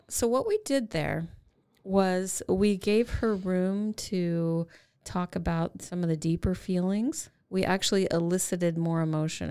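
A woman's voice: on the low side, darkish tone, smooth. A woman co-hosting a parenting podcast, explaining techniques and acting out what teens and parents say. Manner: acts out teens' and parents' lines with big voice swings. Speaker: podcast co-host, parenting therapist.

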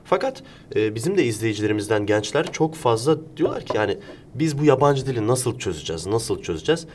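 Male host, casual explainer using examples and questions, average pitch, noticeable rumble behind. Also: sing-song, quick pace, darkish tone. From Turkey. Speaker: interview host. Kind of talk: casual conversational interview.

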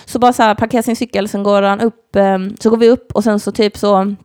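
A woman's voice: mid-range voice, clear, resonant tone, no room sound, studio quality. A young woman from Sweden, co-hosting a casual podcast, telling a long story and acting out what everyone said. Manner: animated, acts out quoted voices, lots of fillers.

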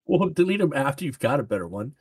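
A man's voice: mid-range voice, sing-song, quick pace, darkish tone, husky. A man in a casual gaming chat, rambling with lots of fillers and restarts.

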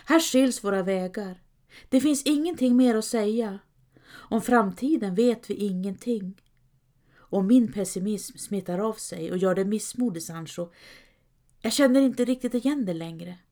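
A woman reading a storybook, voicing the weary, pessimistic old knight Don Quijote in a soft, hushed, gentle way. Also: mid-range voice, lightly acted. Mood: melancholy. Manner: gentle, melancholy, reassuring.

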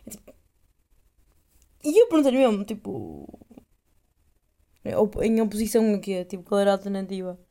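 A woman's voice: medium pitch, big pitch swings, moderate pace, long pauses, mellow. A young woman with a European Portuguese accent, hosting a casual solo podcast, rambling, swearing freely and poking fun at herself. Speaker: podcast host.

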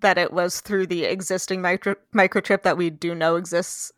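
A woman's voice: lowish voice, flat delivery, a bit bright, no echo, studio quality. A woman co-hosting a casual book-club podcast, asking puzzled questions and laughing easily. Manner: quizzical, quick to laugh. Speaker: podcast co-host.

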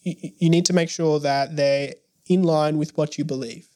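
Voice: medium pitch, fairly even intonation, moderate pace, warm tone. Young early childhood educator, joking and hesitant. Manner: hesitant, with many restarts and wry jokes. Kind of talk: casual podcast conversation.

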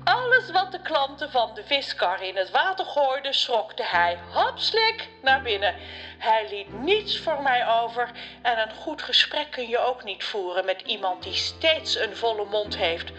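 A woman's voice: fairly high pitch, sing-song, a little slow, pushed and bright, highs cut off, heavily acted. A woman voicing a lovesick, theatrical woman presenter in an audio story. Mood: wistful. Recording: music faint underneath.

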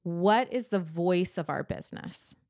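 Animated woman co-host, dry close sound. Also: fairly low pitch, unhurried, dry recording. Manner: animated, acts out quotes, laughs often. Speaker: podcast co-host, business owner. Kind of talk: casual business chat.

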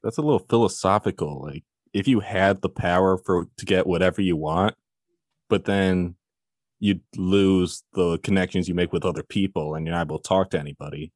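A man's voice: low-pitched, brisk, no room sound, studio quality. A man chatting on a casual podcast in an offhand, jokey, laid-back way.

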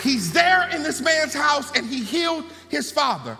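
A man's voice: extremely high pitch, sing-song, unhurried, creaky. A man preaching a sermon, mixing fervent preaching with folksy asides to the congregation. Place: church sanctuary. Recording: long hall reverb, faint music.

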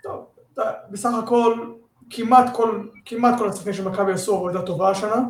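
A man appearing as a guest sports journalist on a casual podcast, halting and restarting words as he gives his opinions. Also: high voice, fairly even intonation. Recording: echoey roomy sound.

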